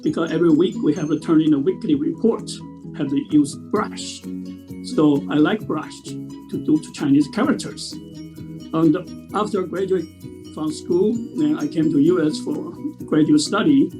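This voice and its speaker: A man's voice: on the high side, moderate pace, over music, poor audio. A man in his sixties from Taiwan, talking casually with frequent fillers and restarts. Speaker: presenter at a talent show. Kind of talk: casual talk.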